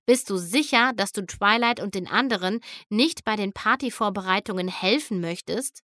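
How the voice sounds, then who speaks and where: A woman reading a storybook, voicing a small young male dragon with a concerned, gentle manner. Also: mid-range voice, normal speed, dry recording, clean studio sound, natural voice. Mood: worried.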